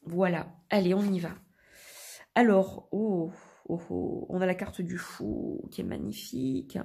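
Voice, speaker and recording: Congested and nasal from a head cold, a tarot card reader talks casually to camera with a sore, hoarse throat. Her low-leaning voice is gravelly and husky, full of vocal fry, and she moves at a measured pace. She rambles in a relaxed way, correcting herself and often trailing off into fillers.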